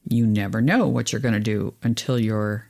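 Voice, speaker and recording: A woman co-hosting a podcast, chatting casually and telling stories with lively, exasperated pitch jumps. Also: moderate pace, gravelly. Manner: animated storyteller, rises in pitch when exasperated. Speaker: podcast co-host. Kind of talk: casual chat.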